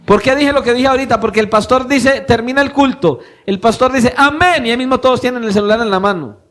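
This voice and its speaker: A male pastor preaching a sermon, asking his congregation pointed questions and moving between soft, low lines and louder emphatic ones. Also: quick pace. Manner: questions the congregation directly, swinging from soft to loud.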